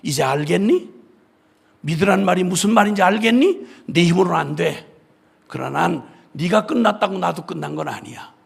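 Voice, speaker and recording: A male preacher voicing a gentle, consoling Lord speaking to a failed disciple, soft and reassuring, in a gravelly, husky voice. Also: sits high, animated, moderate pace, heavily acted. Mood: tender. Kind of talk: acted quote within a sermon.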